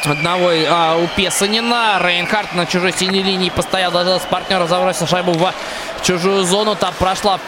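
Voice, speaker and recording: High-voiced man calling hockey over loud crowd. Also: steady tone. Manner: describes each puck movement, with hesitant pauses. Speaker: hockey commentator giving audio description. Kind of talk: live play-by-play commentary. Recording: loud arena crowd noise. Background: hockey arena crowd.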